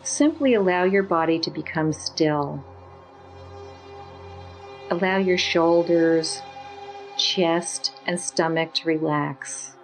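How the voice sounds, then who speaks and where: Woman, meditation guide, very slow and gentle, lowish voice, faint music under. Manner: slow, soothing, gentle instructions.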